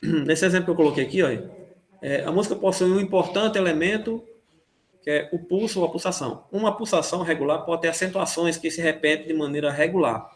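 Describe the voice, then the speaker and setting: Hesitant man teaching a music class. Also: fairly high pitch. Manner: hesitant, many fillers and "né?" checks. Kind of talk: online class review. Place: online class.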